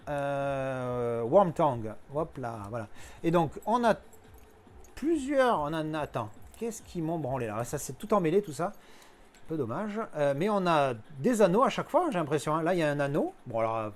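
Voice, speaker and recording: A man's voice: a little high, darkish tone. A man showing off his collector purchases in a casual unboxing chat, slangy and thinking aloud as he goes.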